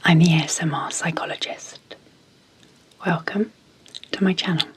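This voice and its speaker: A woman speaking softly as an ASMR host, guiding sleep hypnosis in a hushed, gentle, deliberate way with long pauses. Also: on the low side, steady tone. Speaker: ASMR host and clinical psychologist.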